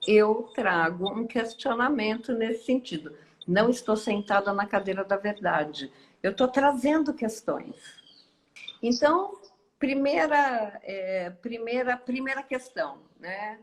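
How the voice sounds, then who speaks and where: A woman with a Brazilian Portuguese accent, a guest speaker giving a reflective live-stream talk with many pauses and tag questions. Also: on the high side, animated. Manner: slow, thoughtful, with frequent pauses and tag questions. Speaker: guest speaker and course teacher.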